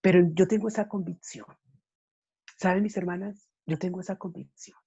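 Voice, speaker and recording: Woman preacher, fervent pleading sermon, mellow husky voice, lo-fi video call audio. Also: fairly low pitch, fairly even intonation, moderate pace. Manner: fervent, pleading, repetitive appeals.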